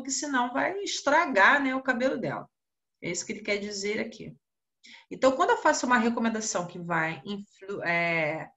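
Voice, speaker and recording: A woman teaching English in a live online class with a Brazilian Portuguese accent, explaining exercises slowly with many fillers and tag questions. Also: mid-range voice, bright, forceful tone. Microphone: video call.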